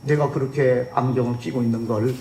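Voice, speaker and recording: A man's voice: medium pitch, fairly even intonation, brisk, gravelly, mellow. A male pastor delivers a fervent Sunday sermon and sometimes acts out the people he quotes. His voice sits in a middle register. It rings through a reverberant church hall over a faint electrical hum. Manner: impassioned preaching, acting out quoted voices. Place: church sanctuary.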